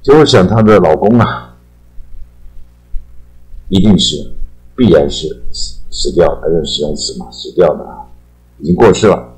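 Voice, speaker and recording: Older man, Taiwanese Mandarin accent, very deep voice, relaxed chatty teacher who draws out his particles, soft music bed. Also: rough recording. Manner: chatty, drawn-out sentence-final particles. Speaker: English teacher. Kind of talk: casual explanatory lesson.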